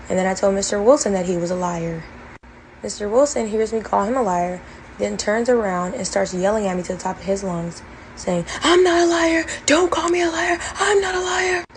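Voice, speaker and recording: A young woman tells her story straight to camera in a personal vlog, speaking earnestly and in detail. Her mid-range voice carries a steady creaky fry. She leans on fillers as she works through each step. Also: medium pitch, slight background noise, low-quality recording. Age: young adult. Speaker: former college band member telling her story.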